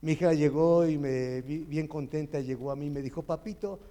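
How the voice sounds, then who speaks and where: A man's voice: on the high side, steady tone, brisk, mellow. A man with a Mexican accent giving a heartfelt, tearful personal testimony in church.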